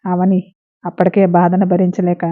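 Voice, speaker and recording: A woman storyteller narrating a serialized romance story in a steady reading voice. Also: fairly low pitch, moderate pace. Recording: narrow phone-like lo-fi sound.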